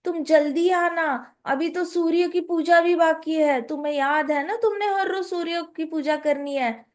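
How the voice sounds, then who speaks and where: A bossy older mother-in-law from a devotional storybook tale, put on by a woman narrator. She calls out loudly in a high voice and repeats her words. She sounds doting and slightly dazed. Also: a little slow. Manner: loud, calling, repetitive.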